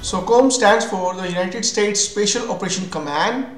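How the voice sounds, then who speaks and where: This English teacher speaks at a normal pace, his voice sitting high and his accent Indian. Reading from a script, he teaches English vocabulary by defining each term and following it with examples. Music plays in the background, and the room gives off a noticeable echo.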